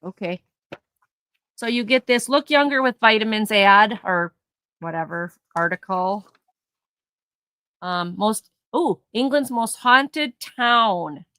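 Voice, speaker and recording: Bright-voiced woman hosting a live sale. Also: mid-range voice, animated, slow pace, long pauses, smooth, no room sound. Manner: chatty, reads tabloid headlines aloud. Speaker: co-host of a live vintage sale. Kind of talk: casual live-stream chat and reading aloud.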